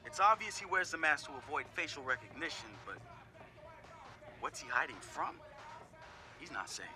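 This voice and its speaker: This man's voice is on the high side, with big pitch swings and a moderate pace. He's an actor voicing a laid-back young hacker who candidly rates his teammates in a game audio log, casual and peppered with wry, profane asides, over clearly audible background music.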